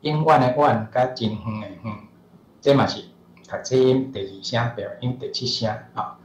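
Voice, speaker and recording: A man speaking with a Taiwanese accent, lecturing as a professor on the Taiwanese language, explaining patiently and often clearing his throat. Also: medium pitch, normal speed. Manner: explanatory, frequent throat clearing and filler particles. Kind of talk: online lecture. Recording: roomy echo.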